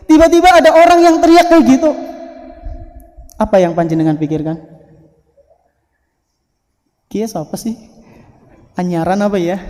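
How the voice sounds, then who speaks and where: A male preacher with a Javanese accent, giving a lively storytelling sermon with playful asides. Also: high-pitched. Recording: hall reverb.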